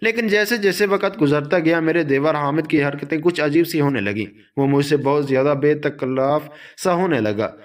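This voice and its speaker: Guy narrating a moral story, kinda high voice, steady even read. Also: few pauses.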